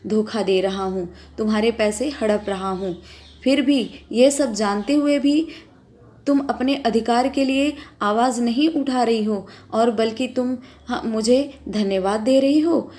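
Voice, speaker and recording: A woman's voice: on the high side, unhurried, lightly acted. A woman voicing an angry male employer who scolds and lectures his timid governess. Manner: shouting, trembling with anger.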